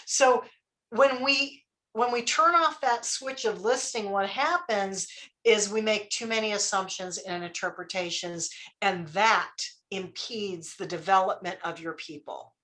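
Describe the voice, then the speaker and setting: A woman's voice: mid-range voice, a little slow, bright, forceful tone. A woman leadership coach giving a live workshop, talking conversationally, quizzing her audience and checking in with "right?" and "okay?".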